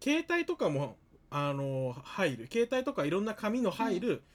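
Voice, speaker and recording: A woman's voice: medium pitch, sing-song, unhurried. A young woman with a Kansai accent, hosting a casual chat with playful, exaggerated reactions. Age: young adult. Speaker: podcast host.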